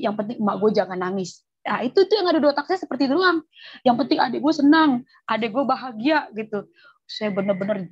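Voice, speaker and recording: A high, husky woman's voice, telling an emotional church testimony and playing out each quoted line with animation. The recording is dry and slightly dull. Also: dry recording. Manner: animated storytelling, acts out quoted dialogue. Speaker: guest giving a church testimony.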